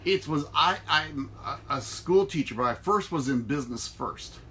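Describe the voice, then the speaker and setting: A middle-aged man, an online network marketer, talks casually and emphatically in a folksy, motivational vlog shot inside an RV trailer. His voice sits on the high side, expressive and pushed, bright, at a moderate pace. There's noticeable background noise from the trailer.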